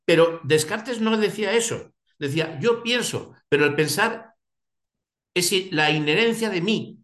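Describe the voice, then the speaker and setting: A man's voice: high voice, normal speed, fairly bright tone. A man leading a philosophy seminar, thinking aloud with many restarts and rhetorical questions. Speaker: seminar leader. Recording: echoey room.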